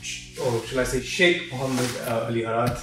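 A man's voice: mid-range voice, fairly quick, sharp tone. A polite male interview host who speaks deferentially and fills his gaps with hesitations. He sounds far from the mic in a strongly echoing room, with faint music behind. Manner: polite, deferential, many fillers. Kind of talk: hosted interview.

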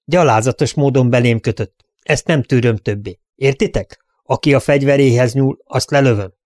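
Calm, steady young gunfighter with a quiet menace read by a man, dry close audiobook sound. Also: medium pitch, no room sound, natural voice. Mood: threatening. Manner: quiet and steady, turning sharp when he threatens. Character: calm, fearless young gunslinger man, coolly threatening. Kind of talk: audiobook character voice.

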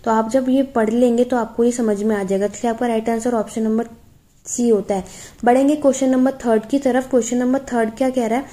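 A young woman teaching an exam-prep class, with a fairly high voice and a soft, mellow tone. She reads English passages aloud slowly and then explains each one patiently. She checks in with her students again and again. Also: steady tone. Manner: explains patiently, often checking with "theek hai".

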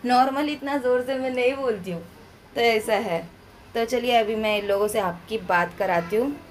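Loud, chatty young woman vlogger from India. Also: fairly high pitch, moderate pace, a little hiss or hum. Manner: talks loudly and chattily to viewers. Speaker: family vlogger. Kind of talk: casual home vlog voice-over. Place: at home, indoors.

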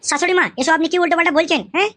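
A woman voicing a young, hot-tempered new son-in-law in an adult cartoon, ranting rapidly and swearing indignantly. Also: very high-pitched, fairly even intonation, fairly bright tone. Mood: aggrieved.

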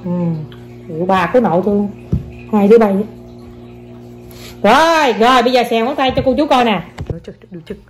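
Young mom, casual vlog; coaxes her kids with quick repeated commands, higher voice. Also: faint music behind. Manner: coaxing, playful, repeats short commands to children. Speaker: mother filming her young children. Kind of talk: casual family vlog, talking to viewers.

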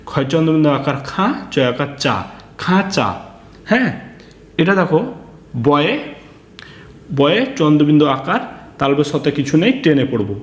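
A man's voice: fairly high pitch, roomy sound. A man teaching a reading lesson to children, spelling out words syllable by syllable and asking his pupils questions.

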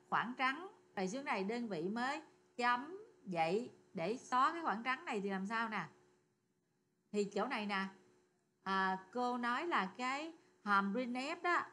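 Bright-voiced woman teaching code. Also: fairly high pitch, animated, moderate pace. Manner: chatty, asks students questions. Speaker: programming teacher. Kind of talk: screen-recorded coding lesson.

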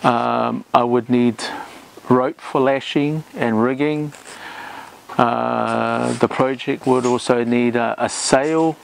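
Middle-aged guy talking slow thru how he builds a canoe, lots of uhs, faint hum in the shed. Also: mid-range voice, steady tone, creaky. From Samoa or Tokelau. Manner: slow, measured, with many ums and uhs. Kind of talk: explaining a build to camera. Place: timber boat shed with plastic-lined walls.

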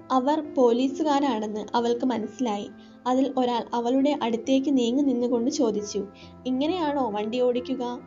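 A woman reading a literary short story aloud in steady, measured narration. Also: fairly high pitch, dull audio. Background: soft background music.

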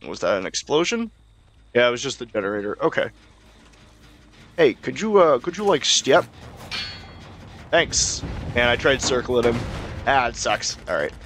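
A man's voice: mid-range voice, sing-song, moderate pace, pauses often, a bit bright, a little hiss or hum. A young man casually commenting on his own gameplay, swearing and talking to himself as he plays. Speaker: gaming YouTuber.

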